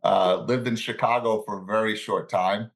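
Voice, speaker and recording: A man in his sixties, born in Italy and raised in the Bronx, relaxed as he tells stories from his life as an interview guest. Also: on the low side, normal speed, creaky. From born in Italy, raised in the Bronx, New York. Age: 60s. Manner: relaxed storyteller, chuckles between anecdotes. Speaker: guest, financial services professional and coach. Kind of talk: casual interview storytelling.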